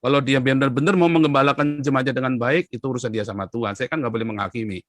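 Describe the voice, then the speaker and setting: A man being interviewed, an evangelist telling his life story with animated emphasis. He often addresses the interviewer politely and breaks into loud, high bursts when he stresses a point. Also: fast, no echo, studio quality. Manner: keeps addressing the listener as sir. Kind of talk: animated personal storytelling in conversation.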